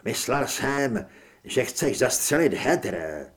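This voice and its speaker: A man doing an excited Finnish rifleman. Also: medium pitch. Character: hot-headed Finnish rifleman, adult man.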